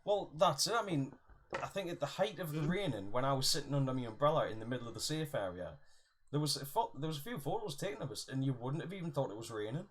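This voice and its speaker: A man's voice: medium pitch, lively intonation, quick pace, a bit bright. A man with a Northern English accent hosting a casual livestream chat, joking and playful. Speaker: livestream host.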